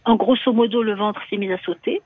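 A woman's voice: mid-range voice, fairly even intonation, brisk, dry recording. A woman calling a radio show over a landline phone, talking hesitantly and repeating her words as she confides. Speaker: radio caller. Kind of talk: call-in conversation. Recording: tinny phone line, dry.

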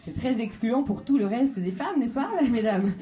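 A woman's voice: on the high side, lively intonation, moderate pace. A woman in her thirties doing conversational stand-up in a club, hesitant, slangy and self-deprecating. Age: 30s. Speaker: stand-up comedian. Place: comedy club stage. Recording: live club recording, faint noise.

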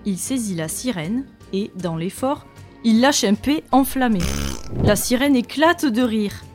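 A woman reading a children's story aloud in a lively, expressive way. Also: fairly high pitch, a little slow, music in the background.

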